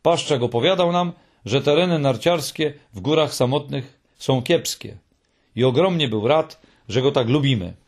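A man voicing a calm, wry female creature with a dry, knowing tone, in an audiobook reading. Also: mid-range voice, normal speed, close to an everyday voice.

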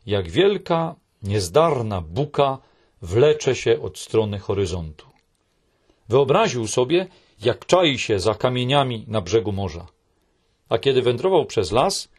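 Husky, expressive male storyteller. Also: mid-range voice. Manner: expressive storytelling, lingering on soft phrases. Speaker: narrator. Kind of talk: audiobook narration.

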